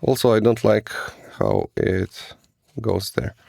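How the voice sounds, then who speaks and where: A man who says he is still sick, giving a casual, halting product review of a flashlight. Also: on the low side, wildly swooping pitch, gravelly, warm tone, no echo, clean studio sound. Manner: hesitant, halting, non-native phrasing. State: sick, rough voice.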